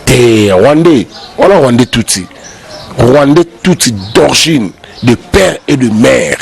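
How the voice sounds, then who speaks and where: A man's voice: mid-range voice, lively intonation, slow pace, creaky. A Congolese man speaking as a guest commentator in a heated political debate, emphatic and repeating his key points. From Congo (DRC). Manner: emphatic, repeats key phrases, voice climbs when arguing.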